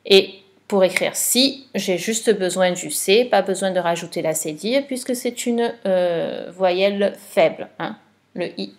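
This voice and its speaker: Female teacher, unhurried dictation voice, patient, clear spelling. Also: mid-range voice. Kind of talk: slow dictation lesson for a child.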